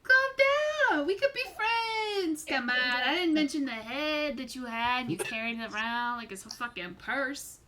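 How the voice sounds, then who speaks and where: A woman voicing a smooth-talking male stranger who dodges every question with false friendliness. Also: extremely high pitch, a little slow, few pauses, noisy background, voice pushed up. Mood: coaxing. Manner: coaxing, sly, friendly on the surface.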